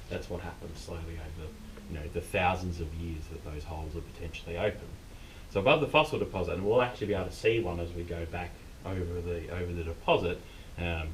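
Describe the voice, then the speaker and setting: Male Australian cave tour guide, low register, casual and explanatory, recorded at a distance with some rumbling noise. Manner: informal, unscripted explaining. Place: inside a limestone cave. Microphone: distant camera mic.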